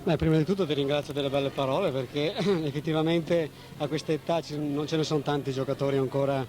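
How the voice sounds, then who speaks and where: A man in his thirties answers as a footballer in a 1980s radio interview. His voice is mellow yet slightly high, and his phrasing is modest and simple. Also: fast talker. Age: 30s. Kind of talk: post-match radio interview.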